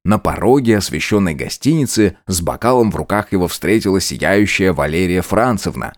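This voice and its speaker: A man reading a crime story aloud as narrator, measured and expressive. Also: low voice, no echo, clean studio sound. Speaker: audiobook narrator.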